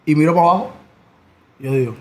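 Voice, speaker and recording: A young Cuban man with a Cuban accent, telling stories in a casual chat. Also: fairly high pitch. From Cuba. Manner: animated, rapid storytelling. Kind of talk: casual storytelling.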